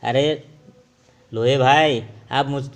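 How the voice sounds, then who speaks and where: A man's voice: mid-range voice, steady tone, slow pace. A male teacher voicing a vain male piece of gold who thinks he is a king, speaking in a boastful, indignant way.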